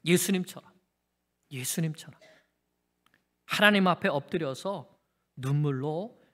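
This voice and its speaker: A male pastor preaches with a very high, bright, ringing voice, often asking his congregation questions and repeating key phrases. His voice carries a long reverb from a large church sanctuary. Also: lively intonation, moderate pace. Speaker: senior pastor. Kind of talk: sermon.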